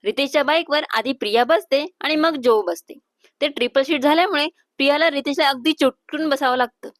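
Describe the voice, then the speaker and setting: A woman narrates a romantic serial story with a high, clear voice. The sound is dry and close, with almost no room around it. She tells it in a steady, even storyteller's way. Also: brisk, no echo.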